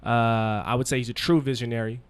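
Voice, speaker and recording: A man's voice: mid-range voice, steady tone, quick pace. A man hosting a casual podcast, introducing his guest with hype and plenty of filler words. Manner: hyped, friendly, filler-heavy slang. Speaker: podcast host.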